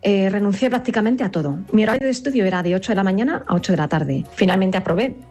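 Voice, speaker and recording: A woman in her forties from Madrid, giving a brisk, matter-of-fact testimonial. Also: mid-range voice, lively intonation, darkish tone. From Madrid, Spain. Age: 40s. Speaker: testimonial guest, civil servant. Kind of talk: prepared testimonial.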